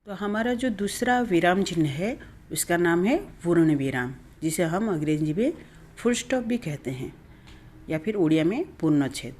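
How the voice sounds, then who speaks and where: A woman's voice: lowish voice, lively intonation, normal speed, darkish tone. Woman teaching a grammar lesson. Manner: explains step by step, repeats and self-corrects.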